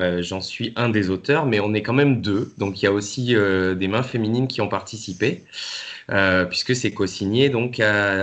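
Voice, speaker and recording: Male guest author, low voice, halting, lots of fillers and restarts. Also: a bit bright. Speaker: interview guest, co-author of a novel. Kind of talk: hesitant conversational interview.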